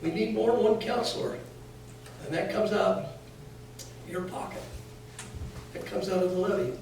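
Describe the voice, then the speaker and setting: At a community meeting, an American official answers residents' questions in a plainspoken, folksy style. His voice sits high with a darkish tone at a moderate pace. The indoor room is echoey, the mic is distant, and there is faint noise.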